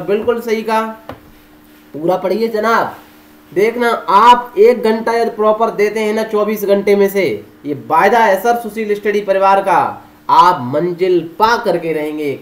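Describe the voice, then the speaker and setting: Echoey man teaching exam current affairs. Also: sits high. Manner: answers his own imagined students' questions, calls listeners dear friends. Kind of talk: exam-prep lecture over a zoomed map.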